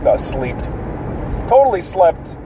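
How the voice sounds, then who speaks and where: A man congested with a cold, his voice cracking and wavering in tone, rambling casually and profanely as a solo podcast host, halting and clearing his throat. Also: high voice, big pitch swings. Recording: dull, distant mic, loud vehicle noise.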